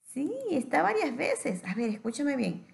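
A woman teacher giving a patient phonics lesson to young children, stretching words out slowly. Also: high-pitched, big pitch swings, creaky.

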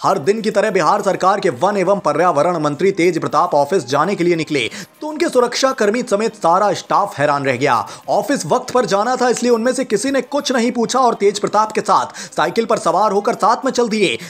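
A man narrates a news report in a scripted, dramatic storytelling way. His voice sits high for a man. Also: expressive, fairly quick, few pauses, fairly bright tone.

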